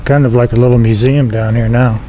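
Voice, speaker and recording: A man's voice: medium pitch, steady tone, fairly quick, warm tone, lo-fi sound, slight background noise. Man narrating a flea market walk-through. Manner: chatty, wry remarks while filming. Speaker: vlogger touring a flea market. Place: indoor flea market hall.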